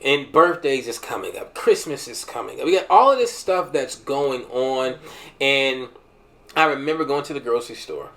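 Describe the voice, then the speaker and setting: Man telling a lively, funny testimony. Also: medium pitch, normal speed. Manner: animated, humorous storytelling with emotional swings. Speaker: podcast host sharing a testimony. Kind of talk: personal testimony storytelling.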